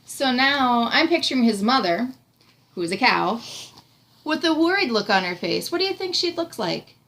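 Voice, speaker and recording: Chatting encouragingly as she goes, a woman in her thirties reads a picture book to a child, explaining parts and posing questions. She speaks at a moderate pace in a sing-song, slightly bright voice on the high side. The setting is a small indoor room, captured in a noisy home recording with room ambience.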